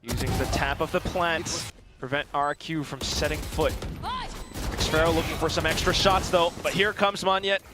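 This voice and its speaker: A man giving live play-by-play as an esports caster, excitable and dramatic. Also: on the high side, normal speed, loud music behind the voice.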